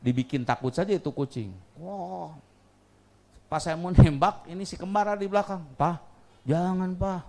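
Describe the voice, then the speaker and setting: A male preacher delivers a sermon to a live audience. His voice sits a little high, and he tells vivid, animated stories laced with humor. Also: normal speed, gravelly. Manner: lively, animated storytelling with acted quotes and humor. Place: lecture hall with audience.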